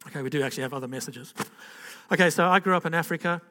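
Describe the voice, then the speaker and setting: His fairly high voice comes out rapid-fire, pushed and bright, echoing through a large hall. The older man, from Zambia and Zimbabwe, gives a loose, chatty testimony before a gathering, often restarting and asking "okay?"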